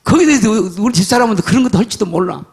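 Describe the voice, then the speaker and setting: An older man preaching a sermon, his voice sitting unusually high for a man. He tells homely stories from the pulpit, sinking to quiet asides and then breaking into loud shouts. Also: lively intonation, racing, creaky. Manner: folksy storytelling preacher, swings from soft mutters to shouts. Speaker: pastor.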